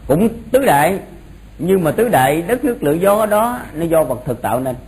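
Man teaching, slightly high voice. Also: very animated, normal speed, gravelly, a little mellow, low-quality recording. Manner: repeats phrases for emphasis. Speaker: Buddhist monk teaching a doctrine class. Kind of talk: informal explanatory lecture. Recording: noticeable background noise.

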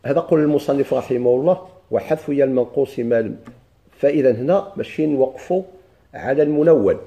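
A man with a Moroccan Arabic accent leads a grammar lesson in a very dark, mellow voice. He quizzes the class, then answers his own questions, and reads lines of the text slowly. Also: mid-range voice, highs cut off. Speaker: grammar teacher.

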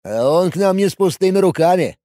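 A man voicing an aggressive young male thug who yells and swears. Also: high-pitched, lively intonation, a little fast, dry recording, studio quality, pitched above the performer's own voice. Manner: yelling, swearing.

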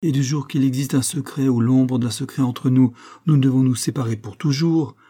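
A man reading an audiobook, voicing an honorable army captain who speaks gravely and insistently to his fiancée. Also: medium pitch, normal speed, warm tone, lightly acted. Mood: anguished.

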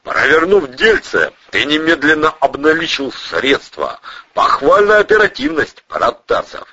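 A man's voice: a little high, wildly swooping pitch, unhurried, breathy edge, no room sound, pitched above the performer's own voice, full character voice. A man voicing a sly, menacing middle-aged police colonel who mocks and coaxes a suspect. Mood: mocking. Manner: mocking, coaxing, drops to a threatening hush. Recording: dull dry lo-fi audio.

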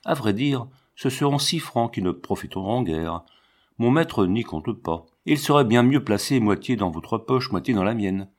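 A man's voice: mid-range voice, animated, moderate pace, lightly acted. A man reading the part of a sly, drawling young male clerk in a storybook.

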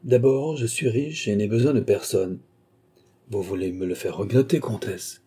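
A man's voice: lowish voice, normal speed, warm tone, husky. A man voicing a proud, witty young royal mistress in an audiobook, sulky and mock-indignant. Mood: coaxing. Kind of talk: audiobook character reading.

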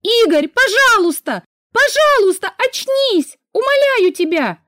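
A woman reading an audiobook voices a frightened young woman who cries out and shouts in desperation. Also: a little high, expressive, a little fast, dry recording, clean studio sound, pitched above the performer's own voice, natural voice. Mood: desperate.

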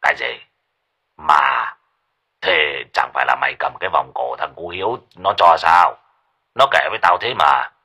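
A man voicing a gruff older village exorcist, bossy and husky. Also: rumbling low, animated, normal speed, bright, forceful tone, pitched below the performer's own voice, exaggerated voice. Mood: alarmed. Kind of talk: audiobook character voice.

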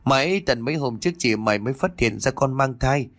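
A man's voice: mid-range voice, lively intonation, a little fast, a bit bright, no echo, studio quality. A man voicing a frightened young pregnant daughter who stammers and pleads through sobs. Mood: pleading. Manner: stammering, sobbing pleas.

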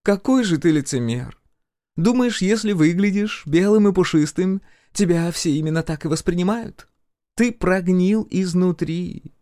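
A man voicing a hoarse, rude punk teenage girl in an audiobook, with a husky, hissing, contemptuous delivery. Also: high-pitched, dark tone, no echo, clean studio sound, voice pushed up, close to an everyday voice. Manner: snarling, contemptuous. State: hoarse from a cold. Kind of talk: audiobook character voice.

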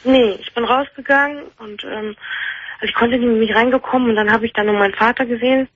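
A woman calling into a late-night radio show, recounting a loss haltingly through her grief. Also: a little high, fairly even intonation, no echo. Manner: halting, grief-stricken retelling. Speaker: caller. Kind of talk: late-night call-in conversation. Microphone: telephone. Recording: dull phone line on radio.

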